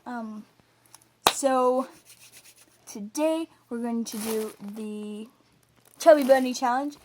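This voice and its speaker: Young female vlog host, high-pitched, casual chat, faintly noisy home video. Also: slow, darkish tone.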